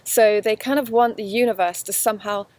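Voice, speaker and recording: A woman's voice: mid-range voice, steady tone, fairly quick, no echo. A woman giving a spiritual course lesson outdoors in a forest, talking earnestly to the camera in a flowing way with frequent restarts. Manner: earnest, flowing, with many restarts and soft laughs. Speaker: spiritual teacher. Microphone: camera facing the speaker.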